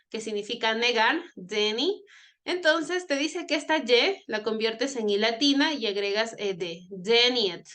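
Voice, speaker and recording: Teaching English grammar online, this woman, whose first language is Spanish, speaks with a slightly high, fairly bright voice. She is patient in her explanations, says things more than once, and checks that her students are with her.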